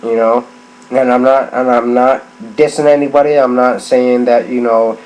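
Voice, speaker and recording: A drunk middle-aged man on a rambling, casual gaming rant, halting and repeating himself as he circles back on phrases. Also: mid-range voice, fairly even intonation, darkish tone. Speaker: gaming vlogger. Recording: clearly noisy background ambience.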